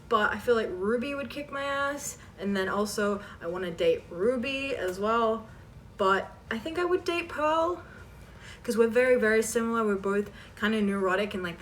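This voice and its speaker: A woman in her twenties who performs voices online chats casually with fans, answering their questions in a rambling way and often breaking off mid-thought. Her voice is mid-range with a fairly bright tone. The recording uses a distant mic, with background noise clearly present.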